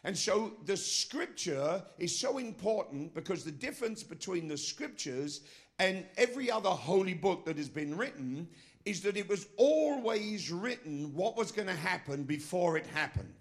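A middle-aged man preaches a sermon as his church's pastor, speaking emphatically and asking the congregation questions. He has a foreign, non-American accent, and his voice sits high with lively intonation at a moderate pace.

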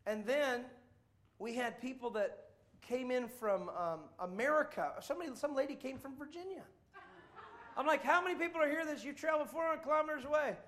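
A man preaching to a congregation, telling travel stories in a jokey, animated way with playful mock voices. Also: extremely high pitch, a little fast. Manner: jokey, does voices and mock accents in quotes. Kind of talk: animated sermon storytelling.

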